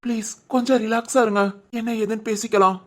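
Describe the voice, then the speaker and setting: A woman voicing an earnest young husband, high. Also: steady tone, brisk, natural voice. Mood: pleading. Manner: earnest, pleading, reassuring. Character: young husband, gentle and pleading. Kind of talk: dubbed cartoon drama.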